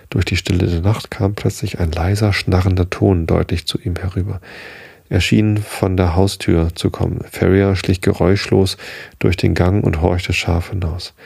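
A man narrating a literary story in a measured, steady storytelling voice. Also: low voice, creaky, husky, no room sound, studio quality. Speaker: audiobook narrator.

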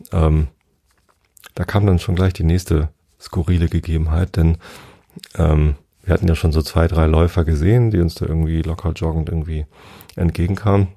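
A forty-five-year-old man tells a travel story in a relaxed, casual, rambling way, often pausing as he searches for words. His voice is low and creaky with a breathy edge.

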